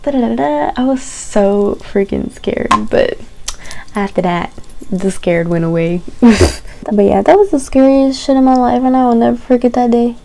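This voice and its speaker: A young adult woman vlogging, telling stories in a candid, animated, casual way, swearing and saying "like" often. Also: fairly high pitch, moderate pace, vocal fry. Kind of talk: casual chatty storytelling.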